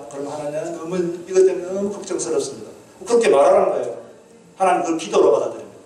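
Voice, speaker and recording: A man's voice: on the high side, a little mellow. A man preaching a sermon as pastor, earnestly asking the congregation questions and acting out quoted prayers. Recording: echoey hall, mic at a distance.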